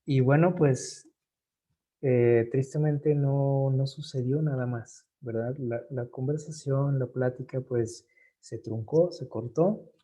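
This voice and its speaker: A man's voice: medium pitch, steady tone, slow pace, warm tone. A man leading an informal Bible study, reading passages aloud and explaining them in a conversational way with speech.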